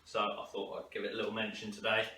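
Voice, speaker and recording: Male fitness instructor, encouraging and instructional, medium pitch, echoey room with faint noise. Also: monotone, fast talker, pushed and bright. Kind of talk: live workout coaching to camera. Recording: roomy, distant mic, faint noise.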